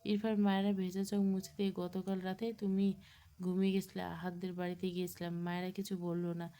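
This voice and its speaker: A woman narrating a romance audio story, reading every character in the same even voice. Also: lowish voice, fast, clean tone. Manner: reads all characters in one even voice.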